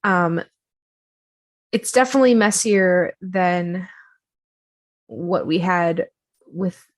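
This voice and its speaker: With a lowish voice and a slow delivery, she casually guides viewers through an on-screen software tutorial. The tone is chatty and self-mocking, peppered with fillers.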